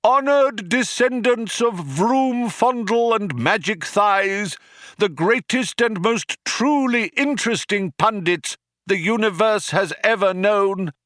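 A man voicing a grandiose male orator who declaims loudly to a cheering crowd. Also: very high-pitched, dry recording, clean studio sound, voice pushed up, heavily acted. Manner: declaiming loudly over a tannoy.

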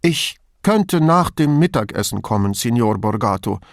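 A man's voice: mid-range voice, expressive, normal speed, dry recording, studio quality, natural voice. A man reading an audiobook, playing a fussy, submissive male bureaucrat in a raised, pedantic voice.

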